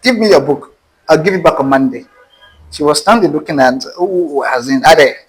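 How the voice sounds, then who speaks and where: On a low-quality recording, a Nigerian-accented interview guest animatedly tells a personal dating story and acts out the quoted dialogue. His voice is fairly high-pitched and husky, moving at normal speed.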